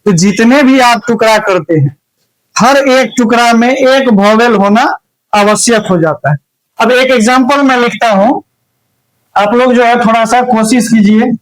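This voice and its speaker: High-voiced, slow-talking Bihari teacher. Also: male voice, poor audio. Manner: explains step by step, often checks "any problem?". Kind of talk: recorded grammar lesson.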